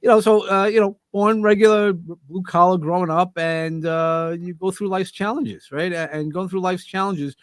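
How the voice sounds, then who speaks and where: Middle-aged Brooklyn-accented male guest, joking and animated, a dry close sound. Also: sits high, moderate pace, few pauses, smooth, dry recording. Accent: New York (Brooklyn). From Brooklyn, New York. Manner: animated, joking, self-interrupting. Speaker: podcast guest. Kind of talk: casual interview chat. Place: remote video call.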